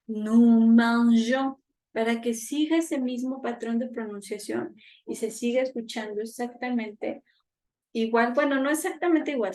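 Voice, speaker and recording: Young woman teacher, fairly high voice, unhurried and patient, keeps checking in with the class. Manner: patient, repeats each point with check-ins. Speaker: French teacher. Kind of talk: online class lesson.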